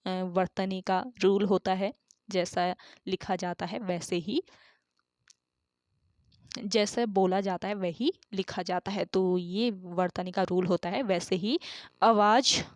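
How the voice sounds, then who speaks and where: Female online tutor, mid pitch, deliberate explainer, dead-dry room. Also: steady tone, darkish tone, no room sound. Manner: asks questions then answers them herself; repeats key terms for emphasis. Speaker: Hindi exam tutor. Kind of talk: online exam-prep lesson.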